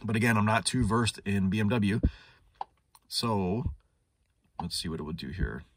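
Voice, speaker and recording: Sitting inside a parked car in a shop, an automotive technician casually demonstrates and reviews a scan tool without a script. He has a low, expressive voice and a moderate pace, chatting and thinking aloud as he works. There's slight background noise.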